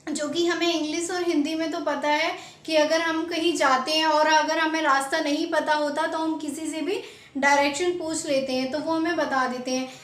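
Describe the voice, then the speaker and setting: A woman from India teaching a language lesson, slowly repeating each word and quizzing the viewer. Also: high voice, flat delivery, fairly bright tone, roomy sound, a little hiss or hum. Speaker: French teacher.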